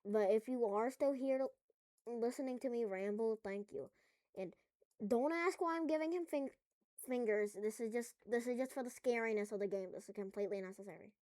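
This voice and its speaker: A woman's voice: fairly high pitch, fairly quick, mellow, no room sound. A woman at home making a casual coding tutorial, rambling through jokey asides as she works. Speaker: tutorial maker.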